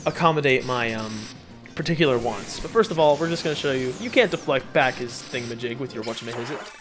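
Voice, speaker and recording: A man with a mid-range voice talks fast while hosting a let's play, his commentary casual, rambling, jokey and self-deprecating. Video game music plays in the background.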